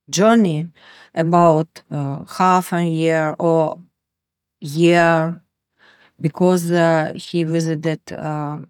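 Ukrainian-accented woman interviewee, very slow and halting, dry sound. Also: on the low side, dry recording. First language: Ukrainian or Russian. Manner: halting, searching for words, many fillers. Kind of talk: interview storytelling.

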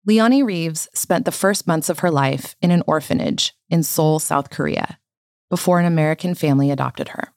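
A woman hosting a public radio program, reading a measured, formal scripted introduction. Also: sits low, a little mellow, no room sound, clean studio sound. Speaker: radio show host. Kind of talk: scripted narration.

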